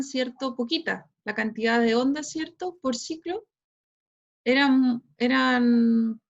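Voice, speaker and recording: A Chilean woman teacher lectures her online class in a fairly high voice and checks in with a rising tag after nearly every phrase. Her audio comes through dull and lo-fi. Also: gravelly. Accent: Chilean Spanish. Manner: tags nearly every phrase with a questioning "¿cierto?" or "¿ya?".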